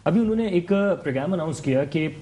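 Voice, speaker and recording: A man's voice: fairly high pitch, expressive, dark tone, slight background noise. A man hosting a political talk show, pressing his guests with pointed questions.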